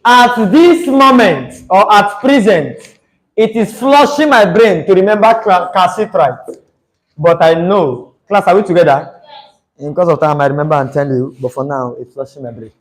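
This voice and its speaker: A young Nigerian chemistry tutor teaches a live class in a Nigerian accent, chatty and teasing, sometimes slipping into Pidgin. His voice sits high at a normal speed, and the recording is rough.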